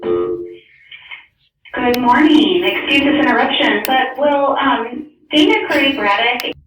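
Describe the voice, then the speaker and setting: A woman making a polite, drawn-out school announcement over a PA system, heard from a distant loudspeaker. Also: on the high side, big pitch swings. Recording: echoey distant loudspeaker with faint noise.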